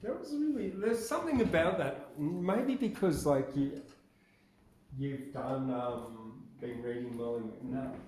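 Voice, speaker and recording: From a distant mic in a very echoey room, a man reads his own poetry at an open mic. He speaks slowly and hesitantly, slipping between verse and casual, halting chat. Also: mid-range voice, a little mellow, a little hiss or hum. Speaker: poet reading own poems at an open mic.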